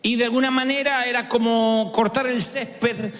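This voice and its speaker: A man's voice: very high voice, fairly even intonation, normal speed, a bit bright, long reverb tail. A middle-aged man with an Argentine Spanish accent preaching a sermon, dramatic storytelling that acts out voices. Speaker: pastor.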